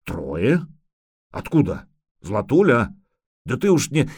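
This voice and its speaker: A man voicing a hearty middle-aged merchant who talks in booming exclamations. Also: huge pitch swings, slow pace, darkish tone, breathy edge, full character voice.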